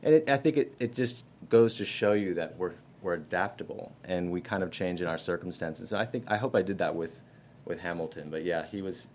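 A man being interviewed as a guest actor, talking in a relaxed, rambling way. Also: deep voice, fairly quick, slight background noise. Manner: relaxed, rambling, chatty with fillers. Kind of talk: casual interview.

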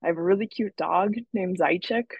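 A Russian woman appearing as a therapist guest speaks fairly quickly in a lowish, creaky, husky voice. The casual interview is full of laughter, fillers and restarts. The recording is dry and lo-fi.

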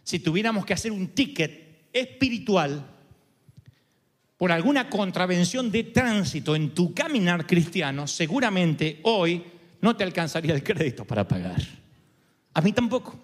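A male pastor preaches in a high, sweeping voice that leaps up and down, pressing his listeners with rhetorical questions. His words carry a long reverb from a church hall. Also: normal speed. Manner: lively, rhetorical, asks the audience questions. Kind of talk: sermon.

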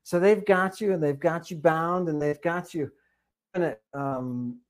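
A man talking as a podcast guest, animated, with many fillers and questioning "right?" tags. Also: a little high, measured pace. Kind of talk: conversational podcast discussion.

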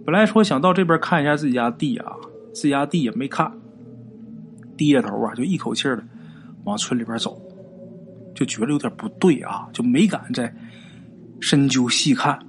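Man telling ghost stories, lively pitch. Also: soft background music. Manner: colloquial, with frequent drawn-out particles and fillers. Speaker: storyteller. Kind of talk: casual ghost story narration.

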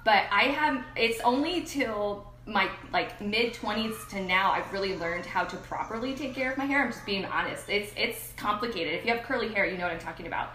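A woman's voice: mid-range voice, brisk, few pauses, bright, forceful tone. Chatty woman in a big echoey room. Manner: chatty, laughs often while talking. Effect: echoey room sound from a faulty mic setup. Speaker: podcast co-host. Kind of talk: casual chat. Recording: echoey room, faint noise.

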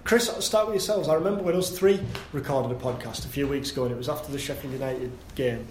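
A man hosting a casual football podcast, relaxed and conversational, leading the questions. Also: medium pitch, quick pace, slight background noise. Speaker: podcast host. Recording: echoey room with faint ambience.

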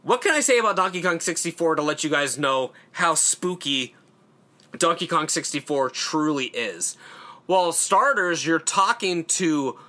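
A man's voice: on the high side, animated, unhurried, bright, forceful tone. A young man hosting his own channel, talking casually and rambling about games in a loose, conversational way with fillers and the odd swear. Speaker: horror channel host. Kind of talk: casual solo commentary.

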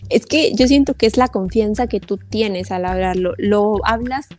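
A young woman chatting as a podcast guest, telling anecdotes in a lively way and acting out her own reactions. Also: medium pitch, moderate pace. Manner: animated storyteller who acts out her own reactions. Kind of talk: casual conversational chat.

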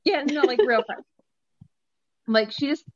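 A woman in casual chat, giggly and quick with interjections. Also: high voice, dry recording, lo-fi sound.

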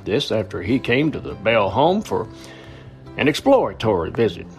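Gravelly folksy man telling tales. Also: lowish voice. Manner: folksy, lively storyteller. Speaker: podcast host. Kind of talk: storytelling narration.

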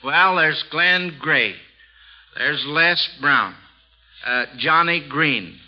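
A middle-aged American man hosts a 1940s radio quiz show, chatting with children in a folksy, encouraging way. His voice is a little high, expressive and very slow, captured in a dull lo-fi old radio recording.

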